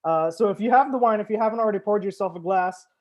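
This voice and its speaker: Speaking quickly in a high voice, a man acts as sommelier and host of a live-streamed wine tasting. His delivery is relaxed and upbeat, peppered with frequent fillers.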